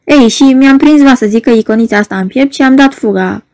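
A woman voicing an agitated young male poet who bursts out in excited, shouting protests in a storybook reading. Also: very high voice, dry recording.

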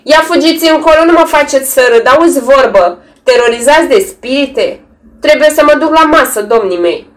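A woman's voice: high voice, lively intonation, pitched above the performer's own voice. A woman voicing an impatient, irritable male lawyer who brushes people off brusquely. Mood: angry. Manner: brusque, shouting.

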